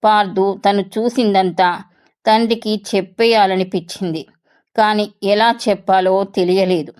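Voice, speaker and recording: Lady reading a novel out loud, steady storytelling voice. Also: mid-range voice, normal speed, clean tone. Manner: steady storytelling narration with character dialogue.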